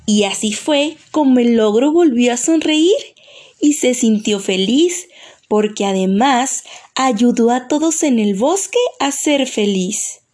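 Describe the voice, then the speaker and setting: A woman narrating a children's audio story with a gentle, expressive delivery. Her voice sits high and she takes her time, pausing to ask young listeners what they think happened. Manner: gentle, slow and expressive, asking the listener questions.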